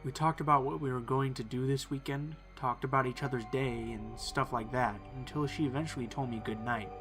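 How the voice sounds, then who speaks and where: Man, horror story narration, calm measured delivery, faint background music. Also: mid-range voice.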